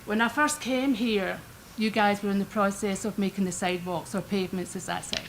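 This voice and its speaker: An older woman with a Scottish accent speaks at a council meeting microphone. Her manner is chatty and folksy, and her voice sits at a middling pitch. A faint background hiss runs under her words. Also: steady tone, brisk, rough recording. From Scotland. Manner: chatty, homely, lightly self-deprecating. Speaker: resident giving public comment. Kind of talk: public comment at a council meeting.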